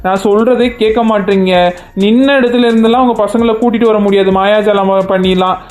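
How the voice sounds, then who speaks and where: A man's voice: high voice, steady tone, a little fast, a little mellow, close to an everyday voice. Man voicing a scolding cartoon police officer. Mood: lecturing. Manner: scolding, lecturing. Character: bribe-seeking male police officer, pompous. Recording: music faintly behind.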